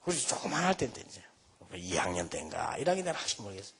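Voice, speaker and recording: A man's voice: fairly low pitch, sing-song, rapid-fire, gravelly, crowd noise. A man in his fifties preaching a sermon, telling folksy childhood stories with self-mocking humor. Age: 50s. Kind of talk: storytelling sermon.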